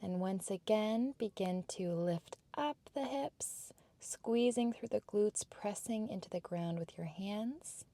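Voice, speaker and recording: Guiding a workout at a calm, meditative cadence, a female fitness and yoga instructor gives soft, breathy, measured cues in a medium-pitched voice.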